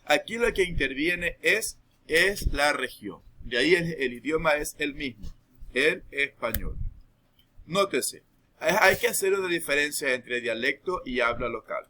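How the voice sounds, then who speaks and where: Man, teacher, bright voice, slightly high pitch. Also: lively intonation, unhurried. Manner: explains patiently, checks understanding with asides. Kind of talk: recorded lesson.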